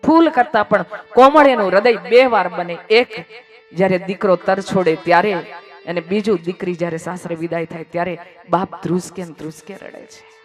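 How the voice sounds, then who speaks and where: A man's voice: high voice, moderate pace. A man preaches a devotional story with strong feeling, letting his voice swell and then sink almost to a whisper. He strings phrases into rhythmic, repeating lists, and faint music plays behind him. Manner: emotional, swells loud then drops to near whisper. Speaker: katha storyteller.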